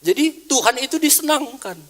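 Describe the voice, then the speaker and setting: A male pastor, preaching a sermon in an animated way, dropping to soft asides and rising to loud exclamations. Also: very high voice, normal speed. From Indonesia.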